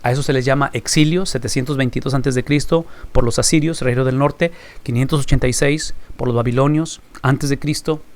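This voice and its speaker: A man's voice: medium pitch, steady tone, fairly quick. A man teaching a recorded Bible class, emphatic and fond of rhetorical questions he answers himself.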